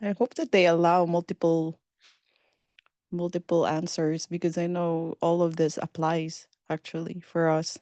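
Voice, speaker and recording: A woman's voice: fairly low pitch, flat delivery, unhurried, a little mellow, no echo, lo-fi sound. A woman from the Philippines, hosting a casual live webinar over a video call in an upbeat, chatty way with many fillers. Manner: upbeat, chatty, with frequent fillers and small laughs. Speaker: webinar presenter.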